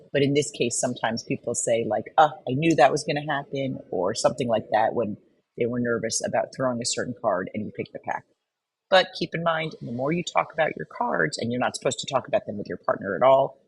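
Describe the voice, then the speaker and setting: A woman's voice: rumbling low, husky, no room sound, poor audio. A woman narrating a step-by-step card game tutorial, explaining each turn patiently and methodically.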